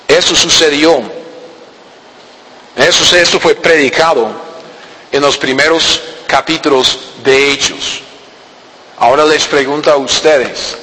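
A man preaching a sermon, animated, asking the congregation rhetorical questions and answering them himself. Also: on the high side. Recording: reverberant hall, faint background noise.

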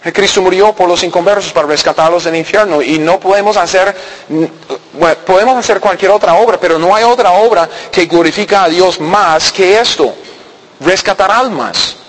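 A man preaching a conversational sermon, often checking in with his listeners and repeating words as he goes. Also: high-pitched. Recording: long hall reverb.

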